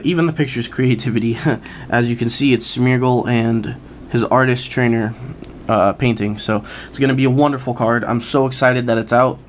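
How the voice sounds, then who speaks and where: A man hosts a casual video run-down of card game picks at a middle pitch. He sounds eager and talks loosely, filling gaps with "uh" and chuckling at himself. A faint hiss of noise sits under his voice. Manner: enthusiastic, many filler "uh"s, laughs at himself. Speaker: card game channel host.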